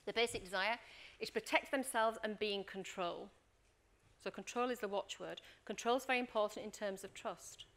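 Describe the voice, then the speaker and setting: In a workshop full of acted-out anecdotes, a middle-aged woman, a leadership coach and trainer, speaks fairly quickly at a medium pitch. She tells stories with energy, plays out scenes, and checks in often with "Okay?"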